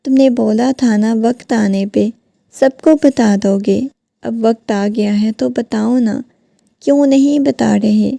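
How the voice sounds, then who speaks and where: A woman voicing a heartbroken, tearful young wife who pleads softly, in a creaky voice. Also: fairly high pitch, no room sound, studio quality. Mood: pleading.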